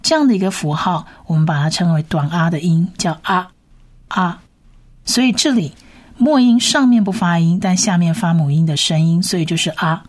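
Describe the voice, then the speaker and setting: Low-voiced woman teaching word by word. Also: expressive. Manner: spells out each sound and repeats it slowly. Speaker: Hebrew teacher. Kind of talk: slow reading lesson.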